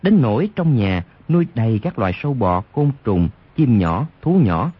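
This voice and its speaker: A man's voice: mid-range voice, very animated, normal speed, slightly rough. A man narrating a martial arts novel as an audiobook on radio, reading expressively. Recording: lo-fi radio recording.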